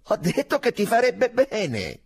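A man's voice: high voice, wildly swooping pitch, unhurried, slightly rough, pitched above the performer's own voice, exaggerated voice. A man doing a tipsy, boisterous young officer. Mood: insistent. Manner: loud, pressing, jovial.

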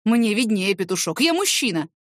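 A woman's voice: medium pitch, big pitch swings, normal speed, dry recording, close to an everyday voice. Woman doing a furious bossy man, snappy and sarcastic, dry close sound. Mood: angry. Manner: barking, accusing, sarcastic. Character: angry man, domineering snobbish boss.

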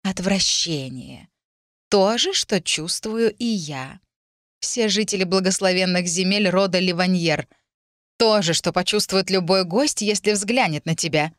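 A woman's voice: on the low side, unhurried, dry recording, natural voice. Cruel stepmother voiced by a woman, spiteful, cutting, raised voice, dry close mic. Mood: contemptuous. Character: cruel scornful noblewoman stepmother.

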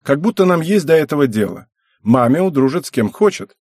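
A man puts on a scornful teenage schoolgirl for an audiobook, pitching his voice up. The tone stays husky and lively, recorded close and dry. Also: brisk, no room sound. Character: haughty teenage schoolgirl, brunette, sharp-tongued.

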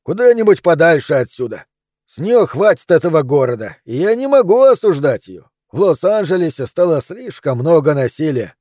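A man plays a gruff, aging police captain trading wry banter in a raised, pushed-up voice that sits on the high side with big pitch swings at normal speed. The tone is dark and mellow, and the take is dry and close-miked with no echo.

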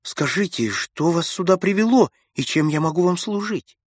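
A man's voice: high-pitched, lively intonation, moderate pace, breathy edge, no echo, clean studio sound. Man voicing a frantic pleading young nobleman. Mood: puzzled. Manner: urgent, pleading, rising when alarmed. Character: frightened young nobleman, increasingly desperate. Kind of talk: audiobook character voice.

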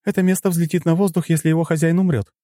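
A female AI assistant gives flat, clipped reports, as a male narrator puts her on in falsetto. The voice is lifted high above his own, and the recording is dry. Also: fast, no echo, lightly acted. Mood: alarmed.

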